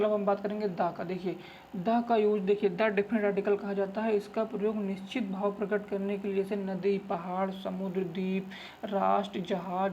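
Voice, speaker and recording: A man's voice: high-pitched, a little mellow, lo-fi sound, slight background noise. A man teaching an English grammar lesson, repeating his points and coaxing his students along with fond asides. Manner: repetitive, coaxing, keeps saying "look" and "okay"; calls students "babu" affectionately. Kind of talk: tutorial lesson.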